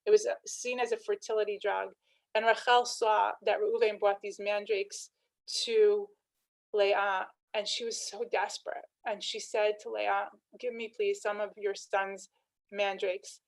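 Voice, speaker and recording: A woman's voice: mid-range voice, flat delivery, measured pace, creaky, poor audio. A woman teaching a lesson on scripture, retelling scenes with quoted dialogue and rhetorical questions. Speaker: Torah teacher.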